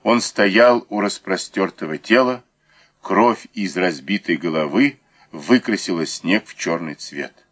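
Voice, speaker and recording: A man narrating a crime novel audiobook in a measured, dramatic way. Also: deep voice, fairly bright tone.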